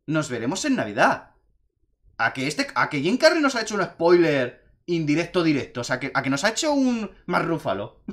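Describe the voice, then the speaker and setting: A young man, chatting casually and excitedly as he reviews a film in a vlog, rambling from point to point. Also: fairly high pitch. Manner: excitable, rambling, animated retelling. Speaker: video reviewer.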